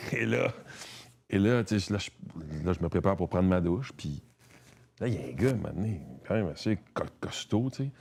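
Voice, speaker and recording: A man's voice: deep voice, animated, normal speed, creaky, darkish tone. A man from Quebec with a Québécois French accent, a guest chatting casually and rambling, with many restarts and a lot of "tu sais". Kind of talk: casual conversation.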